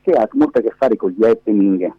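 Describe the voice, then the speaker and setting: A husky, fairly low male voice moves at a brisk clip as a middle-aged radio guest explains things with emphasis and wanders off on digressions. He's a media activist and lab director, talking casually on a phone held to his face, and the line is muffled and echoey.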